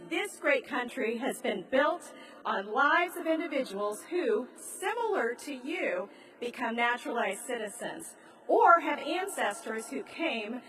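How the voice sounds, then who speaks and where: An American woman speaking as a presiding judge, giving a formal, measured ceremonial address. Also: sits high, fairly bright tone. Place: large grand hall in a train station. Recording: echoey large hall, distant mic.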